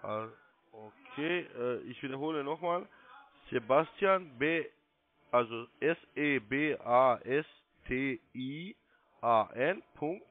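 With lively intonation and a slow pace, a mid-range male voice belongs to a call-centre agent in his thirties. He politely and formally lays out step-by-step instructions, spelling things out, over narrow phone audio.

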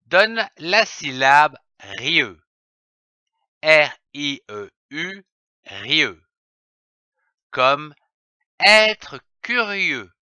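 A man teaching young children to read with phonics, spelling words letter by letter in a very deliberate way. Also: fairly high pitch, sharp tone, clean tone, no room sound. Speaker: reading teacher. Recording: dry, dull lo-fi recording.

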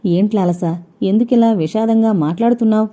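A woman's voice: mid-range voice, a little fast, mellow, close to an everyday voice. Woman reading a tender young man. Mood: concerned. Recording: dull lo-fi recording.

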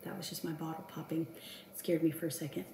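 A woman's voice: deep voice, level tone, fast, creaky, warm tone, slight background noise. A woman in her fifties chatting casually to the camera as she cooks at home, self-deprecating and talking to herself as she works. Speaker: home cooking vlogger. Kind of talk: casual cooking chat to camera. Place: home kitchen, indoors. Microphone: camera across the kitchen counter. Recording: echoey kitchen with clattering dishes.

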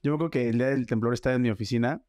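A man with a Mexican accent hosting a casual chat, reacting with quick slangy interjections. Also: medium pitch, steady tone, darkish tone, no echo. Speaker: podcast host.

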